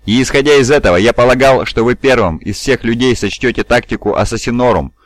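A man voicing a weary, scheming old male regent who speaks in a measured, cool, persuasive way. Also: mid-range voice, dry recording, close to an everyday voice.

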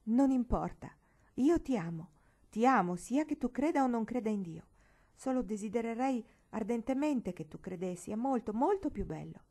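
A woman voicing an earnest, pious little girl who pleads softly, in a storybook reading. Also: on the low side, animated, a little fast.

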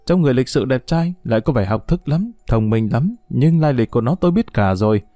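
A man voicing a sharp, intense young male detective who talks urgently and confidently. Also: mid-range voice, animated, brisk, no echo, faint music behind, close to an everyday voice. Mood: scheming.

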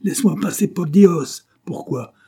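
A man's voice: on the high side, animated, unhurried, mellow, husky, pitched above the performer's own voice. A man voicing a panicked household majordomo who cries out frantically in an audiobook. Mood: frantic panic.

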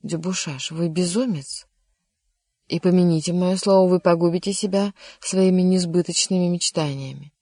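Brief: reader doing a fatherly king, warm and coaxing, mellow dark tone, dry close read. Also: medium pitch, steady tone, normal speed, no echo, natural voice. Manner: warm, coaxing, sometimes vexed. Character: kindly insistent older male king. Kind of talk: audiobook character reading.

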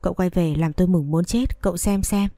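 A woman narrator does a fussing older housekeeper in a storybook reading, talkative and worried. Her voice sits low and mellow, dry and close. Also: a little fast, no echo, natural voice.

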